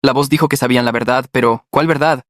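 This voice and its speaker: Un hombre con acento mexicano que narra en primera persona una historia escrita, en tono tenso y constante. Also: male voice, mid-range voice, quick pace, no echo, studio quality. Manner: tense, steady storytelling. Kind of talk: scripted first-person story narration.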